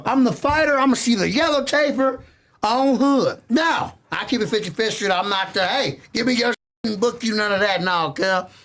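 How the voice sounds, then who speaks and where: A man's voice: sits high, normal speed, a bit bright. A man chatting as a podcast guest, playful and sing-song, slipping into rhyming baby talk. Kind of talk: casual comedic chat in character.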